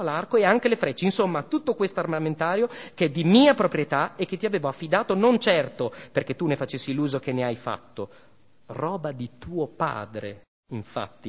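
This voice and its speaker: A male reader voices a haughty, jealous goddess mother, scolding and sneering in a raised, theatrical tone pitched well up. It's a dramatic reading of a myth, captured as a dull, muffled recording drenched in long hall reverb.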